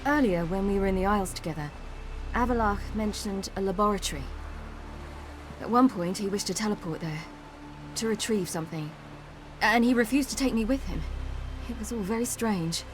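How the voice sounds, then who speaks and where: A woman's voice: medium pitch, a little fast, faint music behind, lightly acted. A young woman playing a frank, spirited swordswoman in a video game. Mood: pensive, suspicious.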